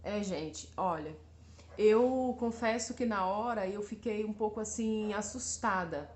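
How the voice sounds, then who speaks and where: A woman's voice: mid-range voice, a little slow, a little mellow. A Brazilian woman in her thirties giving a church testimony as a mother, speaking hesitantly and often appealing to her listeners. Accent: Brazilian Portuguese. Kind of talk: church testimony addressed to the congregation. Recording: roomy echo.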